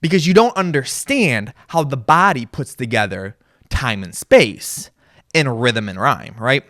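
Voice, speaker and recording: A man's voice: medium pitch, lively intonation, a little slow, a bit bright, no echo, studio quality. A man talking casually about music and his body while adjusting his guitar gear, repeating words and tagging "right?" onto his points. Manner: rambling, repeats words, says "right?" often. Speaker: musician and content creator. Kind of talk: casual monologue.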